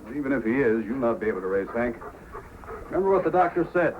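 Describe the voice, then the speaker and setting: An actor playing a calm, cautious police sergeant of the North in a measured, matter-of-fact way, in old-time radio drama style. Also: male voice, mid-range voice, lightly acted. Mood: steady, calm. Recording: muffled, noisy old radio recording.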